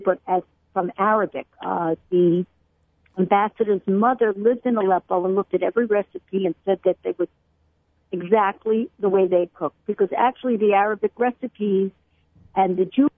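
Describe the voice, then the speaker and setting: A middle-aged woman from Brooklyn, a cookbook author explaining food customs at length with many pauses and fillers, calling in to a radio interview. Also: medium pitch, no room sound. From Brooklyn, USA. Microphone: telephone. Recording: tinny phone line, dry.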